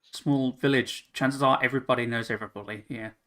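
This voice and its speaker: A man narrating as game master of a tabletop game, halting with fillers and restarts. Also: medium pitch, fairly even intonation, pushed and bright.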